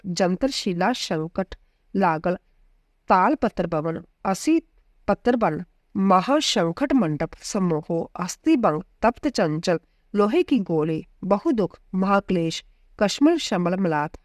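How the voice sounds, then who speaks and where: A woman giving a devotional scripture reading, reciting in a steady, measured way and listing names one by one. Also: medium pitch, no room sound, clean studio sound. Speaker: scripture reader.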